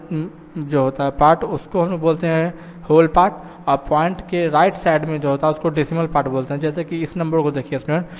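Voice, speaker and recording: Male math teacher, patient repetitive explaining, slightly high voice, long room reverb. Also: darkish tone. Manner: patient, repeats "thik hai" and "students" often. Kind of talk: classroom math lesson.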